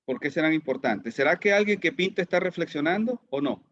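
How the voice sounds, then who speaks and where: A man's voice: fairly high pitch, expressive, brisk, a bit bright, no room sound, lo-fi sound. A man teaching an online class, who keeps asking his students questions and repeats words as he goes. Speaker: lecturer.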